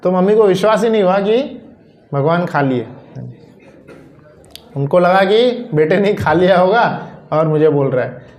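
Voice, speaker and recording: Male preacher, storytelling sermon, fairly high voice, echoing room. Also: expressive, measured pace, pauses often, darkish tone. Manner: narrative, repeats phrases for emphasis. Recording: roomy echo.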